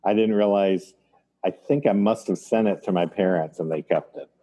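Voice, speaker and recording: A man talking over a video call in a reflective conversation, thoughtful and halting as he recalls the past. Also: sits low, mellow. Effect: voice heard over a video call. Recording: dull, lo-fi video call audio.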